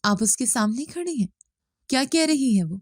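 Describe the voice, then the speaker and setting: A woman's voice: high-pitched, animated, no echo, clean studio sound, voice pushed up. A woman voicing a young husband abroad who speaks tersely and insistently. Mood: frustrated. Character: young husband working abroad, frustrated and suspicious.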